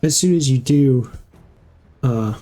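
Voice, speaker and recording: A man narrating combat as game master of a tabletop game, halting with many fillers and restarts. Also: medium pitch, dark tone, faint music behind.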